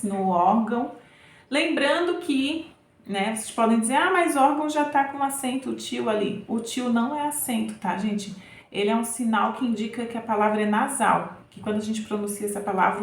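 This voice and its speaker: A woman's voice: fairly high pitch, reverberant. A woman Portuguese teacher patiently working through grammar exercises, checking in often with short tag questions.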